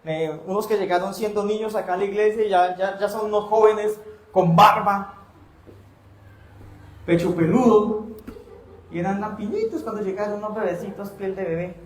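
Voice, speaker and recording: High-voiced male pastor preaching in an echoey church. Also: normal speed, pauses often. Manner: lively, acts out congregants' voices in quotes. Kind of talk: sermon.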